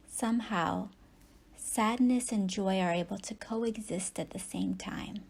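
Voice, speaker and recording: In a mid-range voice that's mellow, relaxed, and softly husky with breath, a woman takes listeners through a guided meditation. Her gentle, unhurried instructions come in short phrases, spaced by long pauses at a very slow pace.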